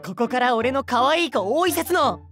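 A woman voicing a brash, cheeky teenage schoolboy in a visual novel game, with rough, slangy, clowning speech. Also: high-pitched, animated, moderate pace, fairly bright tone. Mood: brash, joking. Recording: music under the voice.

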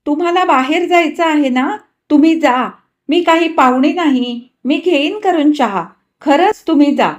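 A woman's voice: high-pitched, unhurried, few pauses, highs cut off, pitched above the performer's own voice. Woman voicing an earnest young woman guest. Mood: insistent.

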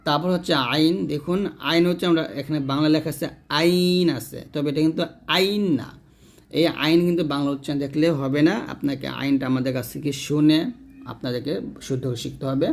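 A man's voice: on the high side, fairly even intonation, brisk, vocal fry. A man teaching Quran letter pronunciation step by step, sounding out each letter and answering his own questions.

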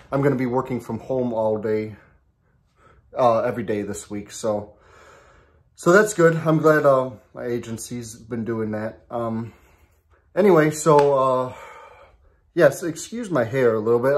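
A man in a casual home vlog, talking from his garage into a handheld camera, rambling with lots of ums and restarts and a bit out of breath. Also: medium pitch. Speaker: vlogger.

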